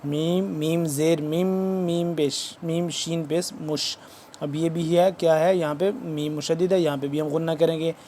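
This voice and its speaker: Man w pakistani urdu accent teaching quran recitation, fairly high voice but mellow, rattles off letters then chants slow. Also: flat delivery, a little hiss or hum. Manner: switches between quick explanation and slow drawn-out recitation. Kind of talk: tajweed lesson, spelling out letters.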